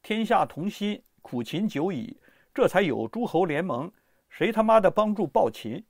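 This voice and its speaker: A rough, quick-tempered male warlord who talks crudely and swears, as a narrator acts him out. The voice sits high and swings sharply, recorded dry and close. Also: big pitch swings, dry recording, exaggerated voice. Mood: furious.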